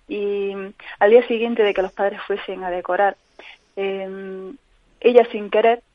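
A woman tells her story in an interview. She speaks earnestly, pausing and restarting often. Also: medium pitch, dry recording. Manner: earnest, halting, frequent restarts. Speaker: guest, mother living with chronic pain. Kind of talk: personal account in a call-in interview. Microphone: telephone. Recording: tinny phone line on radio.

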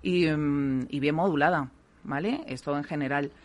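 A woman from working as a voice therapist, calmly explaining things in a radio interview and often checking in with "¿vale?". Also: low-pitched, moderate pace. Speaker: voice therapist guest.

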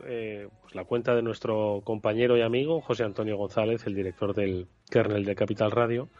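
A man's voice: medium pitch, darkish tone, no echo, lo-fi sound. A man hosting a radio panel discussion, putting questions to his guests with many fillers. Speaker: radio show host.

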